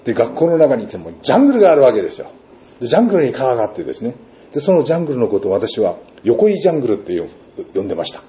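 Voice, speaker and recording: A man delivering a sermon as a pastor, his voice soft and mellow. He tells stories with playful sound words and pauses on rhetorical questions, his pitch rising and falling a lot. A faint hiss sits under the recording. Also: sing-song.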